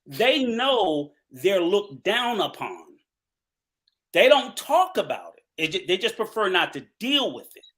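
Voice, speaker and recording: Emphatic male guest, slightly high voice, argues his case, shifts pace for stress. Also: very animated, a bit bright. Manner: emphatic, argumentative, speeds up and slows down. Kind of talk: livestream discussion.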